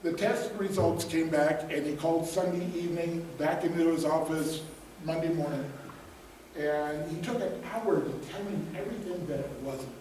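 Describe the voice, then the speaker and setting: A man's voice: on the high side, moderate pace, a little mellow. A middle-aged man, a guest speaker, telling a motivational story in a conversational, humorous way and putting questions to the audience. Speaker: guest speaker, business coach. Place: event room before a live audience. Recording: roomy echo, distant mic, faint noise.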